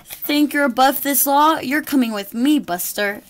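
A woman's voice: sits high, measured pace. A woman voicing a bossy, shifty male bear detective who blusters and accuses, reading a storybook to a toddler. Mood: stern.

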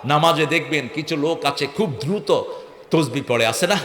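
A man's voice: a little high, lively intonation, normal speed, fairly bright tone. An older man preaching a rousing sermon, calling out questions to the crowd and chanting verses. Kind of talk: Islamic sermon (waz). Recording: echoey hall with long reverb.

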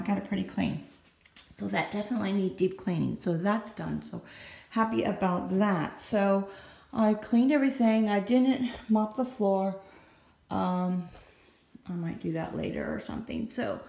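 A woman talks her way around her home bathroom in a loose, chatty vlog, full of ums and asides. Her voice sits in the middle of the usual range for a woman. The tiled room rings with echo around her phone mic. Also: mid-range voice. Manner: rambling and chatty, with many fillers. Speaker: home cleaning vlogger. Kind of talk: casual walkthrough vlog. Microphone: handheld phone camera.

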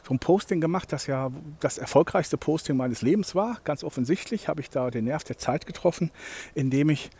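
Emphatic German man, husky voice. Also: a little high, brisk. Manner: emphatic, swings loud and soft, keeps asking "ja?". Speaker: podcast host, coach. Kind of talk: motivational monologue.

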